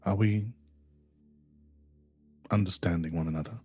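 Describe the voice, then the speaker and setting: A man's voice: low-pitched, steady tone, a little slow, darkish tone, husky, highs cut off, faint music behind, pitched below the performer's own voice. A man voicing a cold, menacing female cult leader in a tabletop game, silky and threatening.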